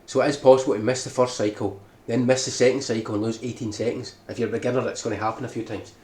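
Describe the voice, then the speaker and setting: A speedrun guide maker narrates a game tutorial in a fast, medium-pitched, darkish voice with a steady tone, explaining his strategy and often checking in with "right?". The room is echoey, with background noise.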